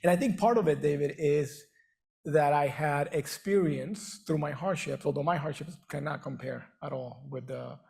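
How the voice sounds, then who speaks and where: A middle-aged man from Venezuela, Spanish his first language, talks as a guest on a stage. His voice is deeply gravelly with plenty of fry, and he speaks earnestly, often repeating words as he restarts a thought. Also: normal speed, a little mellow. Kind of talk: on-stage conversation.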